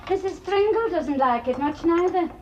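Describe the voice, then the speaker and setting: A woman's voice: extremely high pitch, lively intonation, normal speed, darkish tone, muffled recording, slight background noise. A proud, prim mining-village mother. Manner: chatty, defensive, prim.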